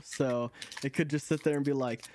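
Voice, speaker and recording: A man's voice: mid-range voice, fairly even intonation, moderate pace, noisy background. A man hosting a tabletop game stream in casual chat, playful and laughing often. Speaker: player and show host.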